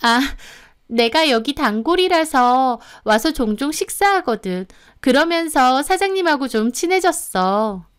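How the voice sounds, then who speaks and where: A woman's voice: high-pitched, animated, a little slow, clear, resonant tone, voice pushed up. A woman voicing a flustered young woman who answers evasively, in a story narration. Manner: hesitant, evasive.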